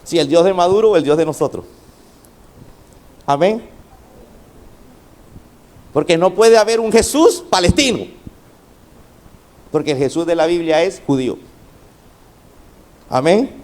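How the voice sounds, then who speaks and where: A man with a high voice for his sex preaches a sermon with fervor. He is middle-aged and keeps calling out to the congregation to answer him back. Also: animated, a little slow, long pauses, a little mellow. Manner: fervent preaching, calls out to the congregation for responses. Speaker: pastor.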